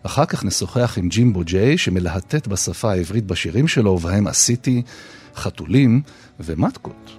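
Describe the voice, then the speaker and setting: A man hosting a radio show, narrating scripted personal stories in a measured way with deliberate pauses. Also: sits low, expressive, darkish tone, husky, faint music behind. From Israel. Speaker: radio host.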